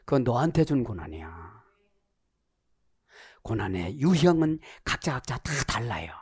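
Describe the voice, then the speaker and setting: A man's voice: medium pitch, sing-song, measured pace, breathy edge, no room sound. A middle-aged man preaching a sermon as pastor, teaching Greek words and acting out the voices of the people he quotes. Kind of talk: sermon with Greek word study.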